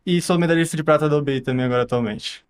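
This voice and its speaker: A young adult man from southern Brazil introduces himself as a student guest. He talks quickly and briskly, in a fairly high voice. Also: clean tone.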